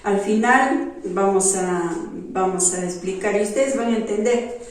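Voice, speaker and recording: A woman teaching a Bible lesson to children, slow and gentle with many fillers. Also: mid-range voice. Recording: echoey room, distant from mic.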